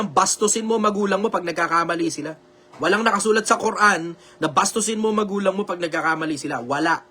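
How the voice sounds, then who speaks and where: Loud Filipino show host, high voice, blunt and repetitive, swears freely. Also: male voice. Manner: says he speaks loudly on purpose for social media. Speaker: live show host answering viewer questions. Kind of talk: loud, preachy live advice talk. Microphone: video call.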